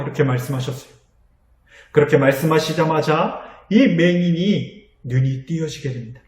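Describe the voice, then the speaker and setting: A man preaching to teenagers, telling a Bible story in a friendly, animated way. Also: a little high. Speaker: youth pastor. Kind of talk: storytelling youth sermon. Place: church. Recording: echoey room.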